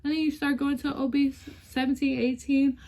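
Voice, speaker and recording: A woman's voice: high-pitched, little pitch movement, moderate pace, creaky, darkish tone. A young woman tells an emotional personal story in a casual, chatty way, often calling her viewers y'all and sometimes close to tears. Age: young adult. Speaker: vlogger.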